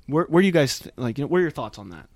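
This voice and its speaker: A man's voice: medium pitch, sing-song, racing, no room sound, studio quality. A man hosting a casual film discussion podcast, talkative and conversational, recorded in an attic. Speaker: podcast host. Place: indoors in a chilly attic.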